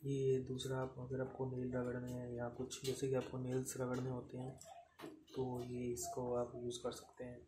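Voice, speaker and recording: A man, casually demonstrating camping gear in an unscripted way and filling pauses with "theek hai". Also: mid-range voice, monotone. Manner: unscripted, repeats "ठीक है", counts items aloud. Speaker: product reviewer. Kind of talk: casual unboxing demo. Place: room with tiled floor, indoors. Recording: echoey tiled room, noisy.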